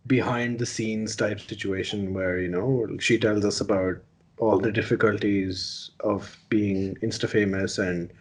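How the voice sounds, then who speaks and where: A man's voice: lowish voice, fairly even intonation, measured pace. A man with a Pakistani accent hosting a casual, joking podcast chat, mixing Hindi-Urdu phrases into his English. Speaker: podcast host.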